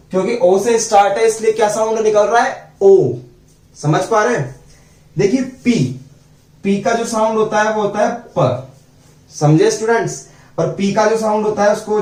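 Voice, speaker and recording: A man teaching phonics, slowly drilling letter sounds and quizzing his students. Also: high voice, a little mellow. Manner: slow, repeats sounds and asks students questions. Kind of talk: phonics lesson. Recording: echoey room, voice from a distance.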